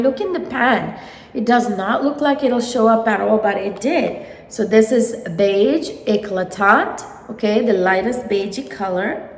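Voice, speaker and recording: A woman with a stuffy, nasal head cold gushes over makeup for her viewers in a slow, unhurried way. Her voice has a gravelly edge. She is recorded in a roomy space with a long echo. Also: mid-range voice. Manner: gushing, enthusiastic. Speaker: beauty vlogger. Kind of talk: casual makeup review.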